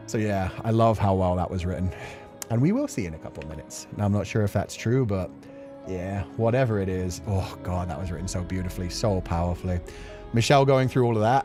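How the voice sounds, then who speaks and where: With music in the background, this man streams a game playthrough, musing casually and reflectively in a rambling, heartfelt, emotional manner. His pitch is fairly low and his sound a little mellow.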